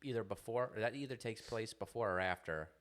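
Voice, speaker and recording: A man's voice: fairly low pitch, brisk, fairly bright tone. A young man co-hosting a podcast, chatting casually, rambling and laughing often. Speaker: podcast co-host. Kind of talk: casual chat.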